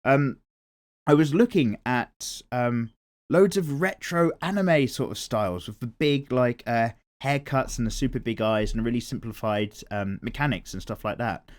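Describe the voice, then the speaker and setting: An art channel host with an English accent and a nasal voice rambles casually and reads viewer comments aloud while sketching, chatting freely and swearing now and then. His voice is medium in pitch and his pace is normal.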